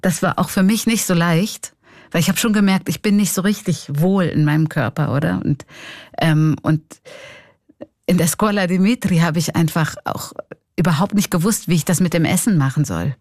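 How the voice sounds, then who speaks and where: A woman's voice: lowish voice, moderate pace, darkish tone, no echo, studio quality. A middle-aged woman with a Swiss German accent, a clown and comedian, talking candidly and reflectively in an interview. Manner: reflective, candid, laughs often.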